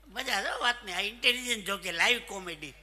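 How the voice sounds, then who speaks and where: A man's voice: sits high, fairly quick. A man, telling jokes and funny stories to a live crowd. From Saurashtra, Gujarat. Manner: animated joke-telling, punchlines. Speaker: folk comedian. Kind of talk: live stand-up storytelling. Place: stage at a live event. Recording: echoey hall reverb.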